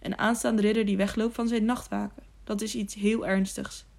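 A woman's voice: medium pitch, flat delivery, normal speed, vocal fry, darkish tone. A woman reading Tiuri, a proud young squire. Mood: earnest.

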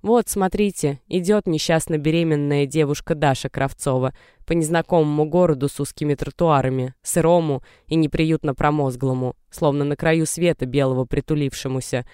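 A man narrating a novel as an audiobook, wistful and gently ironic. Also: on the high side, moderate pace, clean tone, dry recording, studio quality. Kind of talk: scripted storybook narration.

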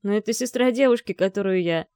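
A woman's voice: mid-range voice, fast, mellow, clear, resonant tone, dry recording, lightly acted. A guilty young man stammers and pleads in desperation, as a woman narrator puts him on. The audiobook is recorded dry and close. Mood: defiant.

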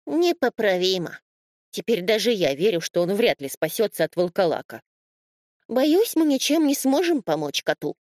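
Storybook part: a woman playing a soft, fussing mother otter, lively tone, dry close sound. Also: medium pitch, moderate pace, dry recording, close to an everyday voice. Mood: fretful. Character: gentle, motherly female otter.

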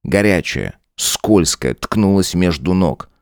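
Deep-voiced male audiobook narrator. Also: animated, takes it slowly, no room sound, clean studio sound. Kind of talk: scripted narration.

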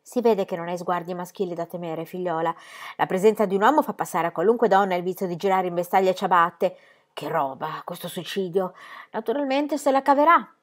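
A woman reading aloud and voicing a proud, sharp-tongued older grandmother who scolds with emphasis. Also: lowish voice, brisk, lightly acted. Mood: scolding.

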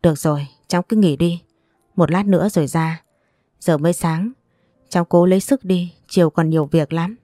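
A woman voicing a sharp-tongued but protective middle-aged aunt in an audio story. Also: fairly low pitch, steady tone, normal speed, dry recording, studio quality, close to an everyday voice. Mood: gentle. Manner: scolding, firm.

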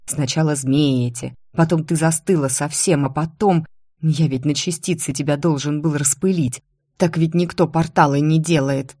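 A woman's voice: sits low, darkish tone, no room sound, clean studio sound. A woman voicing a stern, irritable male university rector, a mage who scolds in anger, read in an audiobook. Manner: angry, scolding. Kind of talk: audiobook character reading.

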